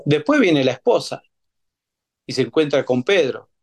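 A man's voice: on the high side, sing-song, normal speed. A man preaching a sermon in an emphatic way, repeating phrases and asking his congregation rhetorical questions.

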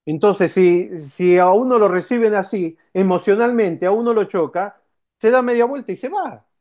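A man preaches a sermon in a high-pitched voice. His tone is mellow and warm rather than sharp. He talks to the congregation conversationally, repeating key points and asking rhetorical questions. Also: normal speed. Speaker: pastor.

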